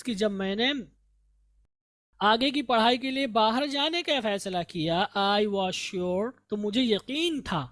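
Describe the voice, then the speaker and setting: A man teaching an English text, reading each line slowly and then explaining it in detail. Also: sits high, dry recording. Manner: reads English lines slowly, then explains them at length. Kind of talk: line-by-line textbook translation lesson.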